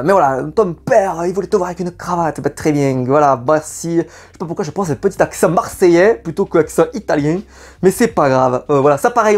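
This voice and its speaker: A woman's voice: sits low, darkish tone. A woman giving a casual, opinionated video review of a TV show, chatty and full of hesitations. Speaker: YouTube reality-TV reviewer.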